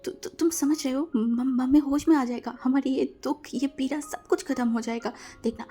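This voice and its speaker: A woman's voice: sits high, steady tone, normal speed, dark tone, close to an everyday voice. A woman voicing a guilty, caring young elder sister who pleads and stammers, in a storybook reading. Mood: hopeful comfort.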